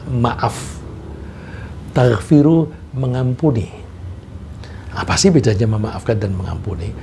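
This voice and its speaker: A man's voice: mid-range voice, vocal fry, warm tone, a little hiss or hum. A middle-aged man preaching a sermon, speaking conversationally to his congregation and acting out quoted people in changed voices. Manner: conversational, addresses congregation directly.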